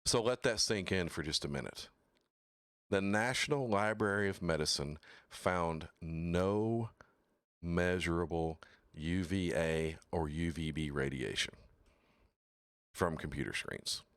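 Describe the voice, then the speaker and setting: A man's voice: fairly bright tone, clean tone, no room sound, studio quality. A man hosting a casual livestream talk show, bluntly mocking product claims and reading quotes aloud. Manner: mocking and blunt, swears, slow deliberate delivery with sudden high exclaims.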